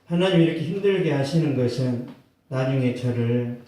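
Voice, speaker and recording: A male pastor preaching a sermon, telling a personal story with acted quotes and bursts of loud emphasis. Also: mid-range voice, animated, moderate pace, far from the mic. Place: church sanctuary. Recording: echoey church hall, mic from afar.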